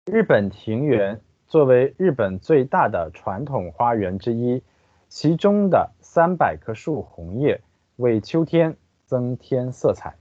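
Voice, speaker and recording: A man acting as a language teacher, translating sentences and explaining pronunciation slowly and deliberately. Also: medium pitch, sing-song, dark tone, dry recording, lo-fi sound. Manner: slow, deliberate, careful explanations.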